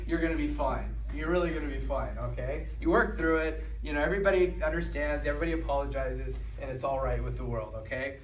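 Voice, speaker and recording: Lecturing man in a roomy classroom. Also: on the high side. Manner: repeats "okay?" and acts out quotes. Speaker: teacher. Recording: roomy, from far off, some noise.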